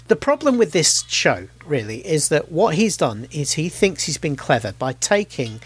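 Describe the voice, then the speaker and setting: A man co-hosting a podcast, in animated, casual film review chat with frequent restarts and quick laughs. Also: a little high, breathy edge. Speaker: podcast co-host.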